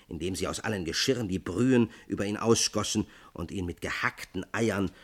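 A man narrating a literary fairy tale in a scripted, expressive reading. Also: on the low side.

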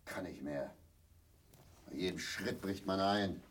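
An actor playing a worn-out, bitter father in a radio play, ranting and shouting. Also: low voice, takes it slowly. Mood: exhausted.

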